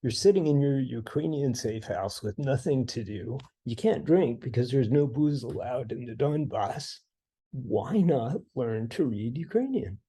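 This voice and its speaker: A man narrating a scripted language lesson with dry, deadpan humor. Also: medium pitch, measured pace, husky. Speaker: language teacher.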